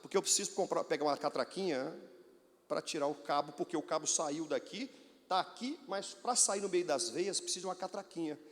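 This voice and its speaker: A man's voice: a little high, a little fast. A man from Brazil, a pastor telling a testimony in a sermon, animatedly acting out the voices of doctors and his mother. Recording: long hall reverb.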